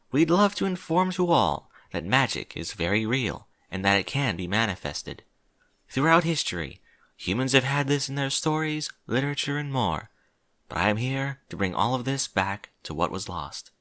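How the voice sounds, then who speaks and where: A man voicing a regal, earnest female pony princess in a formal, measured, gentle way for a story reading. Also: medium pitch, no room sound, studio quality, pitched above the performer's own voice.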